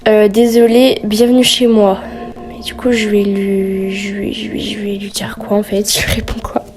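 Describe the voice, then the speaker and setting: A woman's voice: medium pitch, level tone, moderate pace, a little mellow, faint music behind. A young woman doing casual horror game streamer commentary, reading dialogue aloud and reacting in slangy speech.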